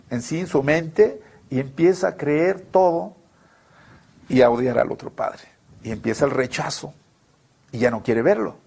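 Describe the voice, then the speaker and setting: A man speaks as a guest expert on a talk show. His voice sits somewhat high and carries a gravelly, husky edge. He explains in a measured, patient way and often poses rhetorical questions. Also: a little mellow.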